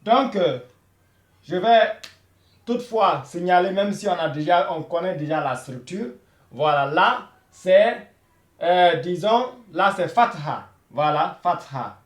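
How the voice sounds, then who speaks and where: A man teaching beginners Arabic in a slow, patient lesson, repeating himself and saying "voilà" often. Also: high-pitched, expressive, roomy sound.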